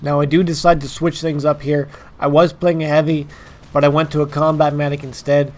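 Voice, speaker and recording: A man's voice: a little high, little pitch movement, brisk, darkish tone. A man with a congested, stuffed-up nasal voice from allergies, hosting informal, emphatic gameplay commentary straight to his viewers. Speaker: gaming video host.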